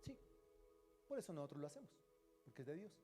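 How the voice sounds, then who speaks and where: A man preaching, his voice high for a man. He teases and keeps asking the congregation questions, with soft music underneath. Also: quick pace. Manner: lively, teasing, asks the congregation questions. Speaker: pastor. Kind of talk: sermon.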